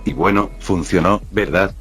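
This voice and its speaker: A blunt, dry-humored teenage girl who speaks her mind, read by a man in his own low voice. The tone is husky and deep, with faint music behind. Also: normal speed, a bit bright. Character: blunt teenage girl, sharp-tongued friend.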